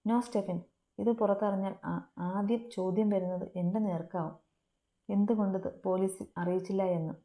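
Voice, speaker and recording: A woman's voice: medium pitch, fairly even intonation, normal speed, warm tone, natural voice. A woman voicing an agitated, scolding middle-aged male college principal in a story reading. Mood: stern. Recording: roomy echo.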